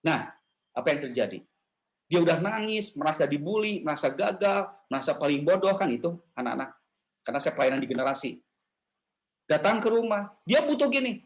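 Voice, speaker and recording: A man giving a lively, casual sermon to a women's church gathering, asking the audience questions and slipping into quoted voices. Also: fairly high pitch, a little fast, pauses often. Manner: animated, jumps into playful quoted voices and asks the audience questions; casual slangy talk mixed with formal preaching.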